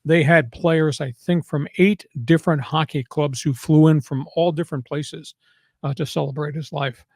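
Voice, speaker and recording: An older man hosting a sports podcast in a fairly high voice, punching his points hard and sliding into preachy rants. The sound is close and dry, with almost no room in it. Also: steady tone, moderate pace, creaky, darkish tone, no room sound. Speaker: sports talk host. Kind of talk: casual sports talk.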